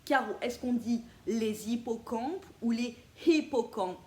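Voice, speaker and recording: This vintage thrift vlogger has a fairly high-pitched voice and takes things slowly as she chats playfully to viewers about her finds. Talkative and animated, she laughs often and adds playful asides, recorded in an echoey room with faint ambient noise.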